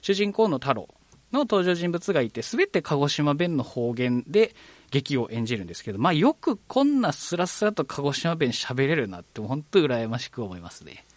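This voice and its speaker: A man's voice: a little high, sing-song, moderate pace, no room sound. A man hosting a live local radio talk show, polite and chatty with frequent fillers. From Kagoshima, Japan.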